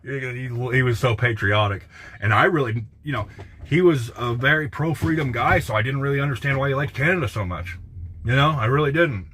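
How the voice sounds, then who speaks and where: A man's voice: mid-range voice, fairly quick, sharp tone, a little hiss or hum. An American man, a truck driver, chatting casually on a phone livestream from his truck cab, blunt, profane and rambling with lots of restarts. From United States.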